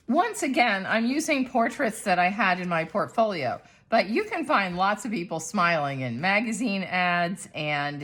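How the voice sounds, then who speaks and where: Middle-aged woman art teacher, low voice with a lively, swooping delivery, chatty and demonstrative. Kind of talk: instructional art lesson.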